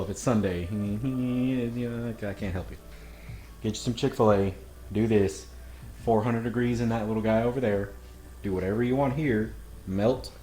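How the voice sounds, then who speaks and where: A man's voice: lowish voice, warm tone. A man hosts a casual cooking vlog from his home kitchen, joking and chatting to viewers. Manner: joking, self-deprecating, talks to viewers. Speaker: cooking channel host. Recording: echoey kitchen with faint music.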